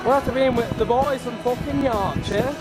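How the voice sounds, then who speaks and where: A man's voice: very high-pitched, moderate pace. A young man with an Irish accent, vlogging casually and interviewing passers-by in a boisterous, sweary, slangy way. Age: young adult. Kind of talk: casual street vlog chat, quizzing passers-by. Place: busy shopping streets, pub and shops. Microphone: phone at arm's length. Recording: handheld phone recording with music and crowd noise. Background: music, crowd, street traffic.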